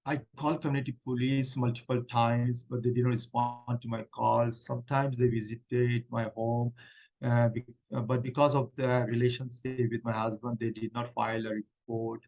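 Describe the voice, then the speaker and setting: A man playing a middle-aged woman refugee claimant in a mock hearing role-play, answering haltingly with many restarts. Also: mid-range voice, level tone, darkish tone, muffled recording, lightly acted. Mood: earnest.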